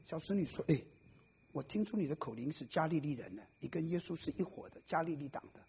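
A man's voice: on the high side, animated, quick pace, a little mellow, husky. A man preaching a sermon to a live congregation, quizzing his listeners and cracking jokes. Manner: playful, jokes and quizzes the audience. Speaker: pastor. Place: church service before a congregation.

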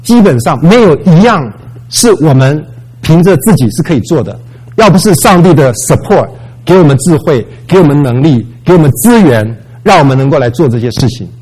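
A man's voice: fairly high pitch, lively intonation, fairly quick, a little mellow, breathy edge, rough recording. A man preaching a sermon in a conversational way, with English words mixed into his talk. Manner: conversational, mixes English words, acts out voices in retellings.

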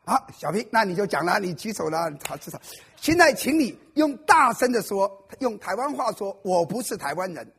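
A pastor jokes with and quizzes his live congregation during a playful church sermon. His high voice swings widely in pitch and is creaky, fairly bright and slightly rough, delivered at a moderate pace with hardly any pauses.

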